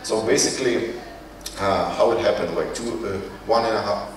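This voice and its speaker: This conference speaker, a company CEO, is a man with a slightly low voice and a Ukrainian accent, not a native English speaker. He talks informally and haltingly, frequently groping for words. The recording is distant, in a very echoey hall with a faint bed of noise.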